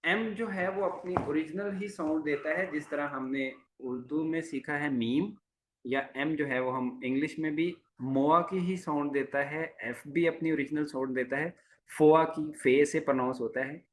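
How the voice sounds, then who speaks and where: A man's voice: fairly high pitch, fairly even intonation, normal speed, slight background noise. A man teaching a class, patiently repeating each sound several times. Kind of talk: lecture to a class.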